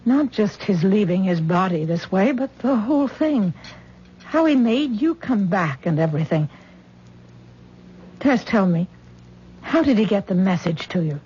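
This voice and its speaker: In a dull old radio broadcast from a 1970s drama, an actress plays a worried middle-aged mother coaxing and fretting over her grown daughter. Her medium-pitched voice is warm and lively in intonation, a little slow with frequent pauses, and only lightly acted. The mood is anxious, with slight background noise.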